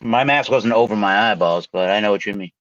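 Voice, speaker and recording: A man, a regular co-host on a casual live chat show, cutting in with quick wry remarks, on a dull lo-fi recording. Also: on the low side, a bit bright, no room sound. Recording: dull lo-fi sound.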